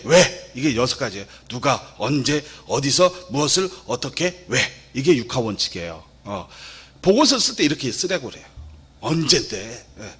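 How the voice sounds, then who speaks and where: Soft-spoken hesitant lay preacher man. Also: mid-range voice, breathy edge. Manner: soft, hesitant, with many fillers. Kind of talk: sermon.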